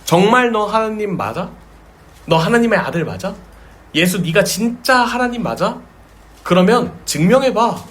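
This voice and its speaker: A man's voice: high voice, lively intonation, normal speed, a bit bright, pitched above the performer's own voice. A man voicing a taunting male tempter spirit in a sermon, speaking in a mocking, questioning tone. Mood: challenging.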